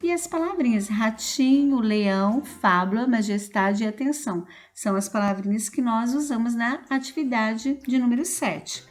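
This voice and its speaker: A woman teacher with a Brazilian Portuguese accent, going through school exercises aloud in a slow, patient way and stretching out key words. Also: a little high.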